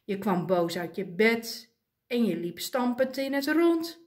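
A woman voicing a kind male penguin friend who reasons calmly and gently. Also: a little high, slow, echoey room. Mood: caring.

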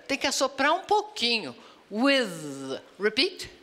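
A woman from Brazil co-hosting a bilingual English pronunciation lesson, modeling words slowly and clearly for students to repeat. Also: medium pitch, very animated, bright, forceful tone, big-room sound. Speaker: English teacher co-host.

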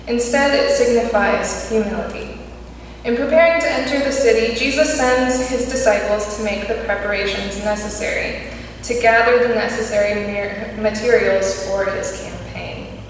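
A young woman preaching a sermon from a pulpit, reading in a measured way. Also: fairly high pitch, slight background noise. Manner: measured, read from notes at a pulpit. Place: church sanctuary. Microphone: pulpit mic at a distance. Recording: echoey church hall, distant mic.

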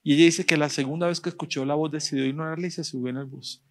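A man, a pastor preaching a sermon in church, speaking directly to the congregation and slowing down to stress his points. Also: a little high, fairly even intonation. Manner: direct, addresses the congregation, rising emphasis and slow stressed phrases.

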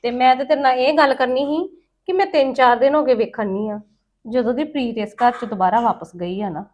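A woman acting as an aunt in a scripted family drama, scolding and emotional, her voice rising loud when upset. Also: on the high side, fairly quick, highs cut off.

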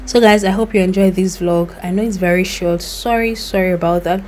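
A woman's voice: mid-range voice, fairly even intonation, brisk, a little mellow, slight background noise. A young Nigerian woman narrating her road trip in a chatty, recommending voice-over with loose asides. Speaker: vlogger. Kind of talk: travel vlog voice-over.

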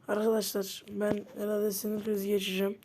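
A woman giving casual gameplay commentary who gets easily frustrated and bursts into loud protests. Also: medium pitch, heavy background noise. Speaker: gamer.

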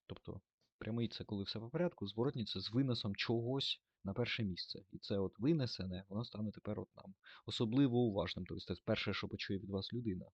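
A man's voice: on the low side, slightly rough, dry recording, highs cut off. A man teaching German grammar in a lesson, thinking aloud with fillers and self-corrections.

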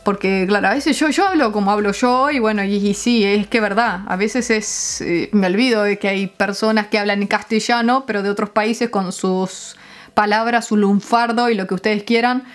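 A young Uruguayan woman vlogging casually, explaining her slang with frequent laughs and pauses to find the right words. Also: mid-range voice, steady tone, soft background music. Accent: Uruguayan Spanish. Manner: chatty, laughs often, searches for words.

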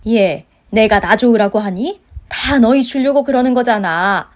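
A woman's voice: on the high side, a little slow, natural voice. A woman voicing a pushy, guilt-tripping older mother-in-law in a story-radio drama, scolding and sighing. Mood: grumbling. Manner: scolding, wheedling, sighs of complaint.

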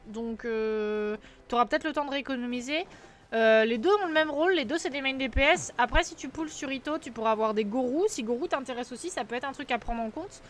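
Talking fairly quickly in a voice that sits high, a woman streams live on Twitch, teasing viewers and humming between lines in a playful, chatty way. A little hiss or hum runs underneath.

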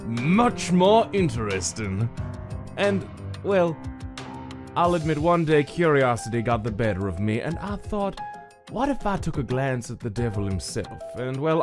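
A man voicing a suave dice-headed casino manager in a comic dub, with a smooth, showy storytelling manner. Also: a little high.

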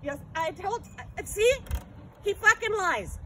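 A woman's voice: extremely high pitch, big pitch swings, slow, fairly bright tone, slight background noise. An older woman arguing heatedly on a lakeside dock, taunting and swearing constantly, recorded outdoors by a phone a few meters away. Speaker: bystander in a confrontation. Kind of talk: heated argument. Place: wooden fishing dock on a lake, outdoors. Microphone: phone camera a few meters away.

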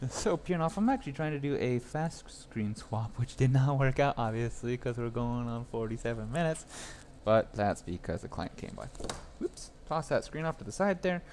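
A man's voice: mid-range voice, lively intonation, moderate pace, few pauses, darkish tone, a little hiss or hum. A young man chatting casually with viewers on a live stream while repairing a phone at his workbench, rambling and laughing as he goes.

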